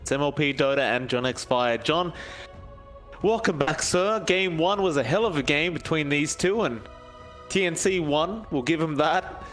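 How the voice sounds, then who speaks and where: A man's voice: on the high side, moderate pace, fairly bright tone, faint music behind. A man hosting an esports broadcast, casually chatting and putting questions to his co-caster. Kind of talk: casual play-by-play banter.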